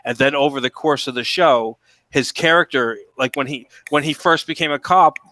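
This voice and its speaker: Bright-voiced man, rambling and halting. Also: medium pitch, no room sound. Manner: rambling, halting, repeats and restarts phrases. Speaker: stream participant chatting about TV shows. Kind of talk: casual chat on a livestream.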